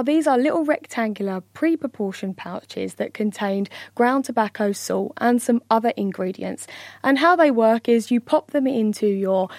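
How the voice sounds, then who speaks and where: A woman's voice: on the high side, a little mellow, no room sound. A woman, a health reporter, explaining things in a chatty way with fillers in a studio interview. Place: radio studio.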